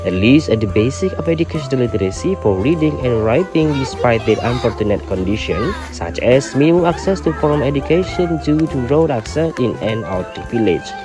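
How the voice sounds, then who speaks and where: A man's voice: medium pitch, expressive, normal speed, hardly any pauses. A man reading a scripted documentary narration in careful, formal English. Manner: reads in careful, formal non-native English. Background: music.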